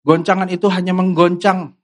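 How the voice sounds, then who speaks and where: A man's voice: high-pitched, little pitch movement, normal speed. A man preaching a casual, conversational sermon, asking his listeners questions and acting out the voices of worried believers. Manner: asks the audience questions directly.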